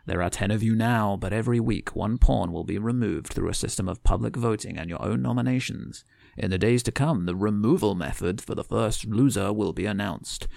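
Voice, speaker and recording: A man voicing the unseen organiser of a sinister game show, addressing captive contestants in a slow, measured announcement. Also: fairly low pitch, gravelly, darkish tone, no echo, clean studio sound. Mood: menacing.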